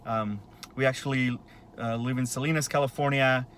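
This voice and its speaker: A vlogger in his late thirties delivers a casual, rambling monologue full of fillers and restarts. His medium-pitched voice is fairly bright and fairly even in intonation at a normal speed, with a little hiss or hum on the recording.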